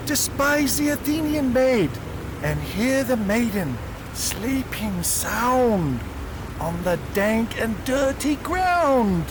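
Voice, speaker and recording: An actor playing a mischievous servant sprite in a home Shakespeare production, chanting verse lively. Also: mid-range voice, background noise. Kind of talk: amateur home Shakespeare performance.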